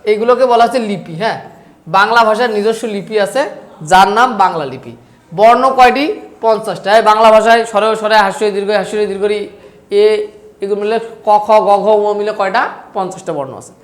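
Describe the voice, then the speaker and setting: Giving an online lecture over slides, a teacher with a Bangladeshi Bengali accent speaks fast in a mid-range voice. They repeat points and answer their own questions, all captured with a roomy echo.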